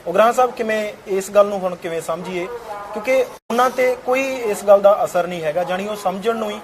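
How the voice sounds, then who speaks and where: A man hosting a TV interview show, presenting in a measured way with small hesitations. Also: high voice, a crowd in the background, poor audio. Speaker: TV talk show host.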